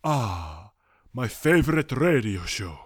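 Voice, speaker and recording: A man's voice: mid-range voice, sing-song, slow, husky, no echo, heavily acted. A man voicing a grumpy male Prince of Darkness, a fussy radio listener who mutters and grumbles theatrically. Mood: pleased.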